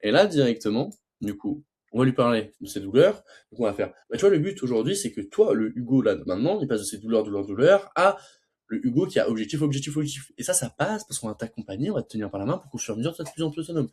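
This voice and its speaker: A man's voice: medium pitch, very animated, fast, a little mellow, breathy edge. A young man coaching sales closing in a casual talk, stuttering and restarting often, and acting out both sides of a sales call. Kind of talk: casual teaching monologue.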